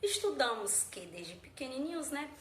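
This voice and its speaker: Teacher, woman, high voice, lively explainer, roomy echo. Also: moderate pace. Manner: animated, checks in often with "tá?", voices student questions. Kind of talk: explaining grammar to students. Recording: echoey room with faint ambient noise.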